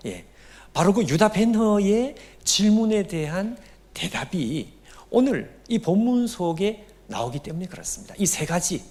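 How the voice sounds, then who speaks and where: A middle-aged pastor preaches to a youth gathering, speaking straight to his listeners. His voice sits fairly high for a man, and his pitch leaps up and down expressively. He keeps the delivery animated and engaging. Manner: animated, addresses congregation directly. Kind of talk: sermon at a youth retreat.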